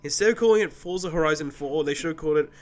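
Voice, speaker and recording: A man's voice: a little high, rapid-fire. A man co-hosting a podcast in casual chat, with dry quips. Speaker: podcast co-host.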